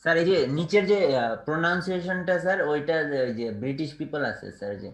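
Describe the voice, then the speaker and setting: A man, a student in an online class, who argues his point fast and keeps saying sir. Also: on the high side, animated. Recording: echoey room.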